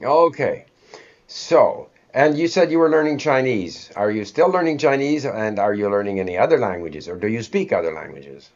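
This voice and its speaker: A man with a lowish, expressive voice and moderate pace hosts a conversational interview, musing aloud in a discursive way. Born in Sweden and raised in Canada, he has a Canadian accent, and the audio is dull and lo-fi.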